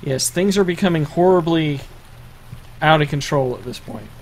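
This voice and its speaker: Halting, slightly high-voiced male game master. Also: a little hiss or hum. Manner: halting, many fillers and restarts. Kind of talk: narrating a tabletop game.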